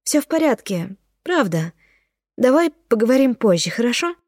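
A woman voicing a tired young woman who answers flatly and coldly. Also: a little high, normal speed, no room sound, studio quality, voice pushed up. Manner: flat, cold, tired. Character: weary young woman, cold and detached.

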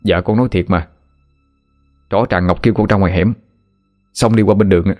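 A flustered young villager who keeps insisting he tells the truth, speaking a little faster and higher when pressed, as a male storyteller voices him. He, with faint music underneath. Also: fairly even intonation, a little mellow, close to an everyday voice. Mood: earnest. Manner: anxious, pleading explanations. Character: young man, flustered and earnest. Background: faint background music.

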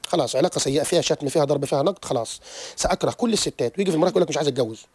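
A man, a therapist guest on a radio show who lectures quickly and keeps restarting his sentences. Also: on the high side, slightly rough, no echo. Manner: animated, rapid lecturing with frequent restarts. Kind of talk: radio interview explanation. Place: radio studio.

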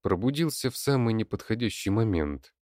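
Deep-voiced male audiobook narrator. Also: brisk, no echo, clean studio sound. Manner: steady storytelling. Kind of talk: scripted narration.

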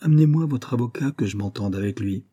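A man doing a calm saintly priest-judge. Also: medium pitch, fast, husky, highs cut off. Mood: calm assurance. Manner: composed, assured courtroom pleading.

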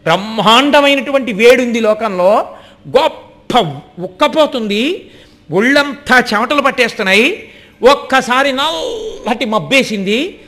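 A middle-aged man delivers a devotional discourse in a strikingly high voice, turning to his audience as he tells the story. His tone is bright and forceful, and every point lands with animated conviction. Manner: animated, addresses listeners directly, acts out voices and chants Sanskrit verses. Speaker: religious discourse speaker.

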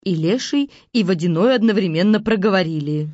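A woman narrating a fairy tale in a lively storytelling manner. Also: medium pitch, brisk, no room sound. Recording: dull lo-fi recording.

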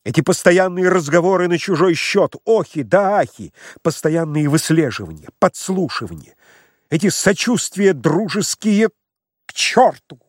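A man voicing an overwrought, hysterical young man who pleads and shouts. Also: a little high, very animated, slow, husky, no room sound, clean studio sound, voice pushed up, exaggerated voice. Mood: agitated shouting.

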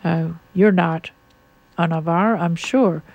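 Woman radio host, casual studio chat, slow and unhurried, frequent fillers, dry close sound. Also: lowish voice, darkish tone, no room sound, muffled recording.

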